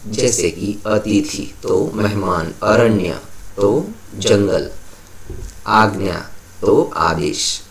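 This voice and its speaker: A man from Gujarat, India, working through a workbook lesson as a teacher, reading each item aloud slowly and deliberately. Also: fairly low pitch, rough recording.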